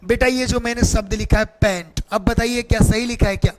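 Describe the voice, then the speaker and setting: A man's voice: very high voice, fairly even intonation, slight background noise. A man teaching English grammar in an exam-prep lesson, drawing words out in a sing-song way and asking questions he answers himself. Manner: sing-song, drawn-out teaching delivery, calls viewers beta; asks rhetorical questions and answers them himself.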